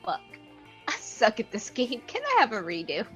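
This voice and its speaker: A woman's voice: fairly high pitch, sing-song, moderate pace, faint music behind. A woman playing a game with a friend, teasing and cursing as she reads along. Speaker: co-player. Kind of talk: let's play commentary and game text reading.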